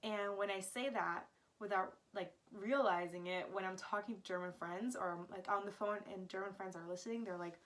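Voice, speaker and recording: A woman's voice: mid-range voice, fairly even intonation, brisk, few pauses, a bit bright. A young American woman from Florida chatting casually to camera as a vlogger, giggling often and filling her talk with "like". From Florida, United States. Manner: giggly, laughs often, chatty with many "like" fillers. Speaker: language vlogger.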